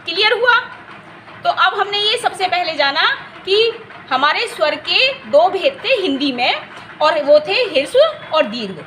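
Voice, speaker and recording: A woman's voice: extremely high pitch, big pitch swings, measured pace, fairly bright tone, a little hiss or hum. A woman teaching a Hindi grammar lesson for exam preparation, explaining patiently, repeating key terms and often checking that students have understood. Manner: stretches vowels to demonstrate length.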